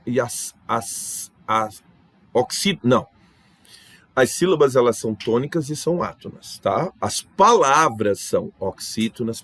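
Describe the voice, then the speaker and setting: A man's voice: medium pitch, slightly rough. A Brazilian man, a Portuguese teacher, casually working through exam questions aloud and often correcting himself. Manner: thinks aloud, corrects himself often, ends sentences with 'tá?'.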